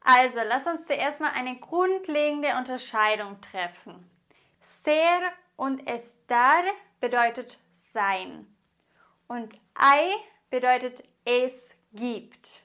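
Woman teacher from Germany, high voice, unhurried delivery, methodical explainer. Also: lively intonation, pushed and bright. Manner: slow, deliberate explaining, carefully spelling out each example. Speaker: Spanish teacher. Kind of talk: grammar lesson.

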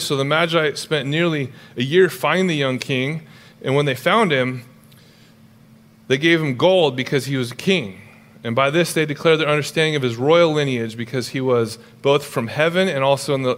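A middle-aged male pastor preaching a sermon in a lively, conversational way with humorous asides. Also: medium pitch.

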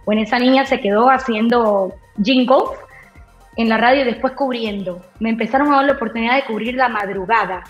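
A woman with a slightly high voice tells her story as an interview guest, bold and lively, slipping into the voices of people she quotes. The recording is roomy and a little dull and lo-fi, with faint music underneath. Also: fairly quick. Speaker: radio announcer, interview guest.

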